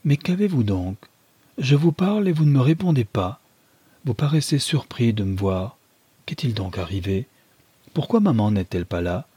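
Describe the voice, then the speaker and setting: A man's voice: medium pitch, sing-song, normal speed, dark tone, breathy edge, no echo. A man reading aloud voices a frightened young bride, raising his voice into an anxious, pleading tone.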